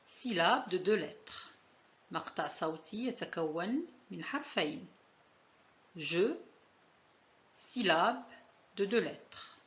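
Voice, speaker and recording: A woman teaching a French lesson, saying each example slowly and deliberately. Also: medium pitch, highs cut off. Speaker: language teacher.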